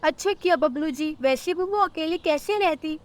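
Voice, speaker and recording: A woman's voice: high-pitched, normal speed, pitched above the performer's own voice, natural voice. A woman voicing a meek young female bird, a dutiful wife who speaks politely and pleads, in a cartoon story. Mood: pleading. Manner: polite, pleading, eager to please.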